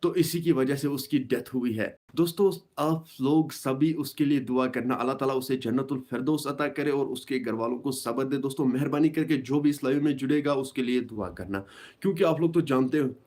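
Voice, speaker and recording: A young man hosting a casual live stream, talking in a halting way with many restarts and repeated phrases. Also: mid-range voice, darkish tone. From Kashmir.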